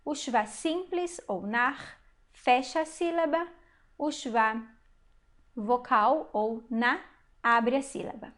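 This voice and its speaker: A woman teaching a recorded Hebrew lesson, patiently explaining step by step, asking the learner questions and sounding out words slowly. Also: on the high side, fairly bright tone.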